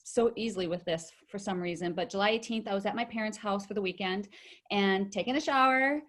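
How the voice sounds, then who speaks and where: A middle-aged woman speaks as an interview guest, recounting her own experience in a loose, chatty way. Her voice sits at an ordinary pitch. She fills her story with fillers and false starts. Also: brisk, a bit bright.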